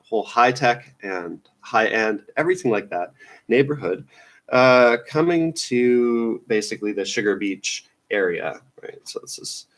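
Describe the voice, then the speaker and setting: A man hosting a casual news roundup, rambling and offhand, with lots of fillers and restarts. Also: mid-range voice. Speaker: news show host.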